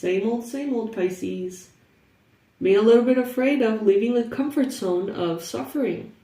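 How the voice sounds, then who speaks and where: A woman's voice: on the high side, a little slow, mellow, echoey room, distant mic. A young woman with a stuffy, congested nose, chatting casually through a tarot reading and laughing often. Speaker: tarot reader.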